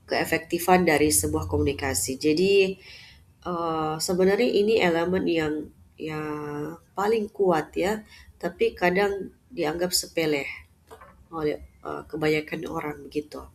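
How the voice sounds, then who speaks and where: A woman lecturing at an unhurried pace, her voice sitting slightly low. She moves through her points with filler pauses and "ya" tags at the ends of phrases. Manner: measured, with frequent "eh" fillers and "ya" tags. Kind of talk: unscripted lecture.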